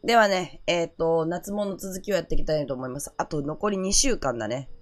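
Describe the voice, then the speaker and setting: A woman streaming a game, her throat sore and a little hoarse, muttering to herself and reacting to the gameplay in casual commentary. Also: low-pitched, brisk. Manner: talks to herself, muttering and exclaiming over gameplay.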